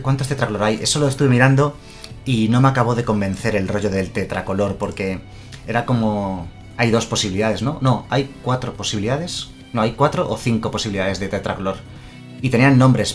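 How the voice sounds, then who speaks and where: Chatty Spanish-male streamer. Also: on the low side. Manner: chatty, explains and answers viewers' comments. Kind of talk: casual live-stream chat.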